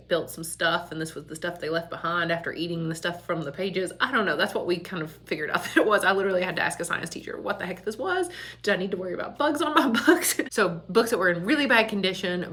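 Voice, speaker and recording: She's a school librarian with a fairly low, slightly bright voice, laughing frequently in a casual video chat. The echo comes from the empty back storage room she's in.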